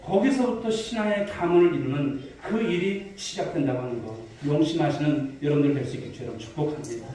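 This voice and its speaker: A male pastor delivers a sermon, fairly high in pitch, with a mellow, warm tone. He asks the congregation questions and tells stories. The recording is very echoey and sounds distant, like a mic far back in a big church sanctuary. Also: fast talker, few pauses, slight background noise. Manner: preaching to a congregation, posing questions and telling stories. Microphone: distant mic in a reverberant hall.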